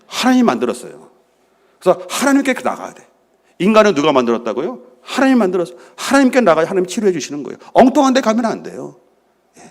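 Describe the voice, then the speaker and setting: A middle-aged man preaching a sermon as senior pastor, asking the congregation questions and answering them himself. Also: a little high. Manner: drops to a soft hush for prayers he acts out.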